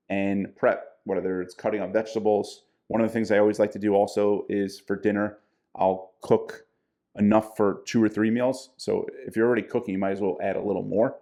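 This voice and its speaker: A man with a low, gravelly voice chats casually on a podcast. His tone is dark and mellow as he gives plain, practical advice on eating well. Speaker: podcast co-host, diet coach.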